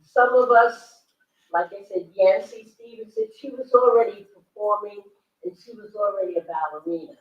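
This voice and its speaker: A woman's voice: medium pitch, normal speed. An older woman, a former ballet dancer, speaking at a library event in a reflective way and laughing often. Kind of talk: casual talk at a library event. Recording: roomy, distant, dull sound.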